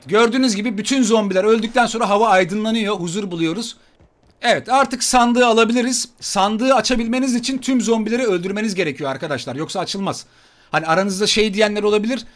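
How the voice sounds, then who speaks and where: A man commenting on his mobile shooter gameplay for viewers, excitable and joking, trash-talking enemies. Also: high voice, quick pace. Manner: excitable, swears playfully, talks to viewers and enemies. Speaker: gaming YouTuber. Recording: gunfire and game noise behind.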